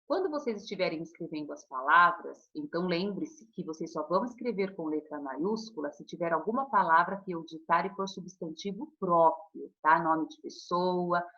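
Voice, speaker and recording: Lively teacher, gentle and patient. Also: female voice, lowish voice, lo-fi sound. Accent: Brazilian Portuguese. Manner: patient, affectionate, spells words slowly. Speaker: primary school teacher. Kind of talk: recorded online class.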